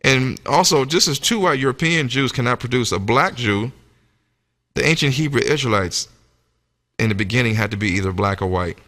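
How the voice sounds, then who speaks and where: In an echoey hall with long reverb, a man delivers a sermon-like religious lecture that includes scripture reading. He sounds emphatic and teacherly, with an animated, slightly bright mid-range voice at a moderate pace.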